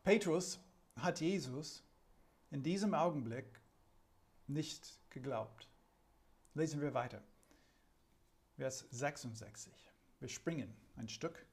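A man with a light foreign accent and a fairly high-pitched voice preaches a sermon. He speaks slowly and deliberately, reading scripture dramatically.

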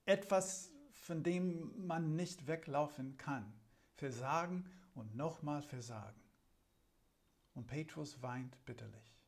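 A man with a light foreign accent preaching a sermon, speaking slowly and deliberately and reading scripture with drama. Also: on the high side, creaky.

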